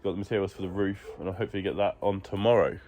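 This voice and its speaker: Talking very fast over faint background music, this man has a low, steady, somewhat dark voice. He's a DIY vlogger recording a casual outdoor update on his phone camera, chatting through his garden build one step at a time. His nose is stuffy and congested throughout.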